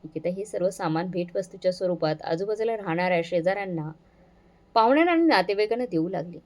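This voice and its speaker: A woman storyteller narrating a moral family story in a steady, earnest reading. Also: fairly low pitch, fast talker.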